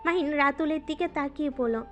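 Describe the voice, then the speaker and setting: High-voiced woman narrating a story. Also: a little fast, soft background music. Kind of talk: scripted narration of a romance audio story.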